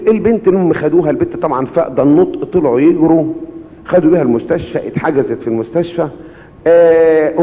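Egyptian male preacher, storytelling sermon, higher-pitched voice, tinny lo-fi sound in an echoing hall. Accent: Egyptian Arabic. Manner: acts out the people in his stories with rising voice, call-and-response pauses. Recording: tinny phone-like sound in a long-reverb hall.

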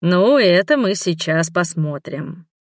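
A woman voicing a cranky, lecherous old male magic appraiser, talking slowly with a grumbling, testy manner. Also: medium pitch, animated, a bit bright, dry recording, studio quality, close to an everyday voice.

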